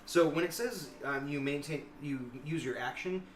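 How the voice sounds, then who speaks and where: A man's voice: on the high side, normal speed. A man running a tabletop game as game master, narrating loosely with laughs and hesitant fillers, recorded in an echoey room from a distant mic with faint hiss.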